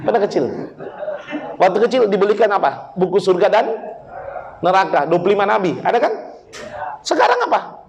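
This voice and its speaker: High-voiced, joking preacher. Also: male voice, expressive, brisk, gravelly, long pauses, muffled recording. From Makassar, South Sulawesi. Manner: blunt, joking, addresses the men in the crowd directly. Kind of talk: humorous sermon.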